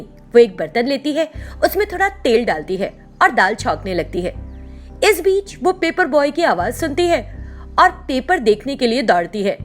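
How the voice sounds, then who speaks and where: A woman narrating a scripted children's story in an expressive storytelling manner. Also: sits high.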